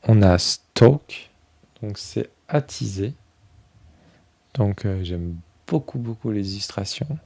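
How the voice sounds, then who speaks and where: Man, low voice, mellow dark tone, dry close sound, chatty card review. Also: animated, takes it slowly, gravelly, long pauses, dry recording. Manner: chatty, many fillers, thinks aloud while flipping cards. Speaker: tarot deck reviewer. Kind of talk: casual unboxing review.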